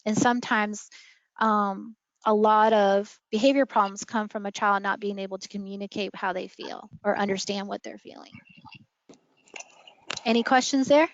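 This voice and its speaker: A woman's voice: mid-range voice, steady tone, moderate pace, dry recording. A woman training preschool teachers, explaining with friendly classroom examples. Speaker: early learning trainer. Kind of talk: online training session. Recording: dull dry lo-fi audio.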